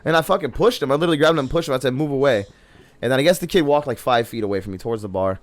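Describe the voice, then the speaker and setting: A young man co-hosting a podcast, telling a story in casual, profane chat and loudly quoting himself. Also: mid-range voice, racing. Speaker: podcast co-host.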